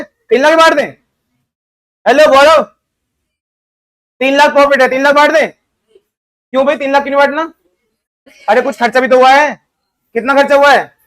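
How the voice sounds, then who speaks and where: A young man teaches an accounting class in a voice pitched very high for a man. He keeps questioning his students and answering them himself, mixing English accounting terms and figures into his speech. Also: normal speed, pauses often, fairly bright tone. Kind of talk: classroom lesson.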